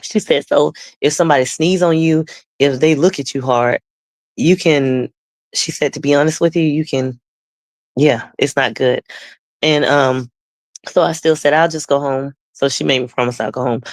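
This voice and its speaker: A woman's voice: sits low, moderate pace, dry recording. A woman guest telling her personal testimony conversationally, acting out the dialogue she quotes.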